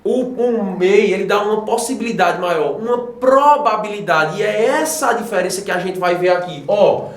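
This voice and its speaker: A Brazilian man teaching an English grammar lesson, animated and often checking in with his students. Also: sits high, moderate pace, few pauses, echoey room. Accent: Brazilian Portuguese. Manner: animated, addresses students directly with frequent checks. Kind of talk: classroom lesson explaining grammar.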